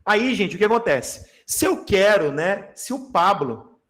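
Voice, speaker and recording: Animated high-voiced Brazilian teacher. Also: male voice, unhurried. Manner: animated, jokey, addresses class directly. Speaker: Portuguese teacher. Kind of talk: lively exam-prep class. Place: classroom.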